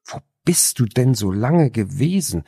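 A man voicing a brisk, teasing young woman friend in an audiobook. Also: mid-range voice, very animated, vocal fry, mellow, husky, dry recording, studio quality, heavily acted.

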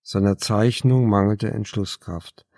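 A man reading a novel aloud as narrator, measured and even. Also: fairly low pitch, dry recording, studio quality. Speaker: audiobook narrator. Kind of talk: scripted narration.

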